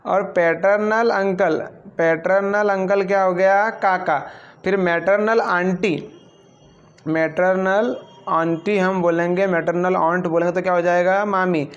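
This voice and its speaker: A man's voice: sits high, muffled recording. A man from India, teaching a vocabulary lesson and often quizzing the class with repeated questions. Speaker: English teacher.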